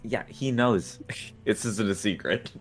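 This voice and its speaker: A man's voice: on the low side, slow pace, faint music behind. A man playing a tabletop game, talking in character in an emphatic way and swearing freely. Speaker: player.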